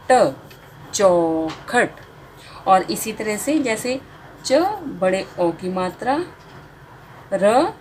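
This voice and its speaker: A woman teaches beginners in an unhurried, very slow voice, building words one sound at a time. Her pitch sits in a middle range, and she draws out each completed word. A faint hiss of noise lies behind her. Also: poor audio. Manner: slow, drawn-out spelling, stretching each finished word. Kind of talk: slow Hindi spelling lesson for beginners.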